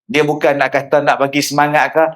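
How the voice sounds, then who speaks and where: High-voiced preacher. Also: male voice, fairly quick. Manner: lively storytelling with humor, addresses the audience directly. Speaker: religious preacher. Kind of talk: public sermon.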